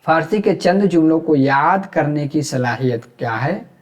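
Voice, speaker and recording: Man, Hyderabadi Urdu accent, exam-prep teacher, slow delivery, slightly high voice, asks and answers his own questions. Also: lively intonation. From India. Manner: asks questions aloud, then answers them himself.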